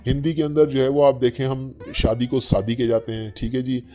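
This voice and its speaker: Guy lecturing, mellow low-key voice, chatty asides, faint guitar behind. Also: fairly even intonation. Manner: conversational, fillers and frequent "theek hai ji" asides; recites couplets slowly. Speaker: teacher. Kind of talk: spoken lecture on language history.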